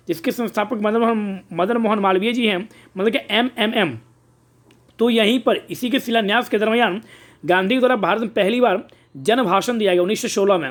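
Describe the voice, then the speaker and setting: High-voiced male exam coach drilling answers. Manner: repetitive question-and-answer drilling. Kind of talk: exam-prep lecture.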